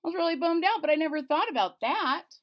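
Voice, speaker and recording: A woman's voice: very high-pitched, animated, fast talker, pitched above the performer's own voice. A woman voicing a troubled storybook king, speaking in a fretful, exclaiming way.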